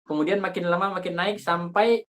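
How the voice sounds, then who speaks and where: A man leads a recitation lesson in a relaxed, chatty way. He searches for words aloud and breaks into sung examples of how the vowels should sound. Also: high-pitched, fairly quick. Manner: informal, thinks aloud with fillers, demonstrates vowel sounds. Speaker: Quran recitation teacher. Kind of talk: explaining recitation rules in a class.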